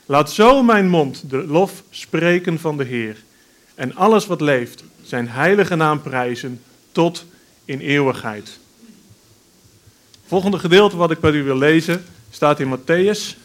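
A man reading Bible passages and praying aloud, in a measured, earnest way with pauses. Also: on the high side, a bit bright. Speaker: preacher. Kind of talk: scripture reading and prayer.

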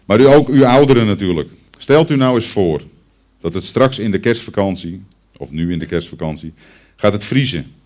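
A man's voice: medium pitch, animated, moderate pace, darkish tone. A man preaching a Christmas sermon, speaking directly to the children and the congregation and telling them a story. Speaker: pastor.

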